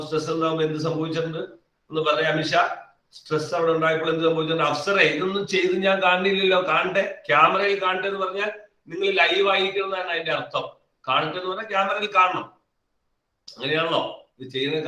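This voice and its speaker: A male physics teacher leads a live online class, calling on students by name and repeating key phrases again and again. His voice is bright and fairly high. He sits well back from the mic in an echoey room. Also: distant mic. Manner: calls on students by name and coaxes answers.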